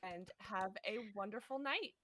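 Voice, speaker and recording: A woman's voice: medium pitch, lively intonation, unhurried, noisy background. A woman game master narrating a tabletop game and signing off with upbeat announcements.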